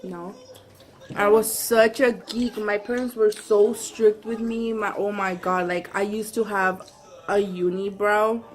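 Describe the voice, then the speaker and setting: A woman's voice: medium pitch, steady tone, takes it slowly. Casual female vlogger, chatting to viewers while eating a meal. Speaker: vlogger and mother.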